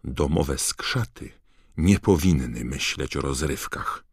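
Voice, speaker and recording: A man voicing a timid, servile female house-elf in an audiobook, with a high, trembling squeak and constant deference. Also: expressive, takes it slowly, slightly rough, no echo, studio quality, exaggerated voice. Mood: servile, anxious. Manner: servile, calls everyone sir. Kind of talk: audiobook character voice.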